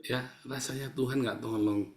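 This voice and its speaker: A male pastor delivering a sermon, swinging from loud acted-out cries to soft, quiet asides. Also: medium pitch, moderate pace. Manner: animated preaching, swings between loud and soft, acts out cries. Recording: echoey church hall.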